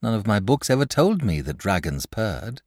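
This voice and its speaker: A man's voice: on the low side, sing-song, normal speed, darkish tone, dry recording, clean studio sound. A man voicing a polite, slightly weary, well-read young boy.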